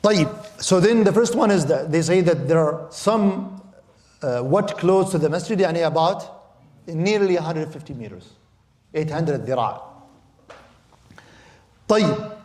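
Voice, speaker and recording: A man with a fairly high voice lectures in a roomy, echoing hall. His first language is Arabic, and he explains points step by step, repeats and restarts phrases, and slips Arabic words into his English. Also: lively intonation, moderate pace, pauses often, darkish tone. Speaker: Islamic law instructor. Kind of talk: classroom lecture. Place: lecture hall of a mosque center.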